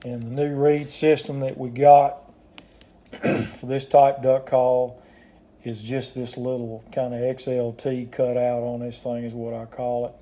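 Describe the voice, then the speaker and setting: A man with a deeply mellow, relaxed voice walks through a handmade product in a casual demonstration. His intonation stays quite flat and his pitch sits in an average male range. He explains things plainly, with a folksy, unhurried manner. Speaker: duck call maker demonstrating his product.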